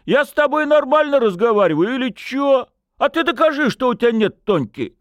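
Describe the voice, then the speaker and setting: A man's voice: a little high, huge pitch swings, slow pace, no echo, voice pushed up, exaggerated voice. A man voicing a drunk, rowdy young village accordion player who hollers brashly and slurs his words. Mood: indignant. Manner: loud, slurred, brash hollering.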